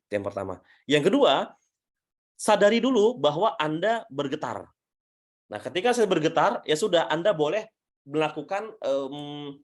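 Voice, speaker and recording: A man coaching public speaking, answering audience questions in an energetic, emphatic way, often restarting sentences and building points step by step. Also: fairly high pitch. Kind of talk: Q&A teaching session.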